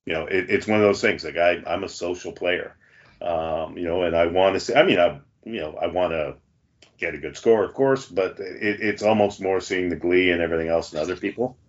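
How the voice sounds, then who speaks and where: Guy hosting a pinball-type chat podcast, deep voice, rambles and restarts a lot, muffled audio. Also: fairly quick. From Canada. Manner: rambling, many restarts and fillers. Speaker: podcast host. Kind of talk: casual chat. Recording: dull lo-fi sound.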